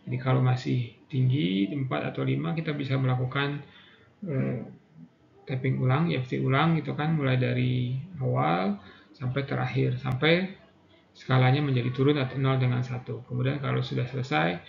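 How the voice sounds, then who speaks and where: A man leads a tapping session in a steady, flat voice with a gravelly edge, repeating calm prayer affirmations. The recording sounds dull and lo-fi, with room echo and steady noise behind him. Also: mid-range voice, normal speed. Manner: calm, repetitive guiding voice, says prayer affirmations. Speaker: EFT practitioner guiding a session. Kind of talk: guided tapping practice with spoken prayers.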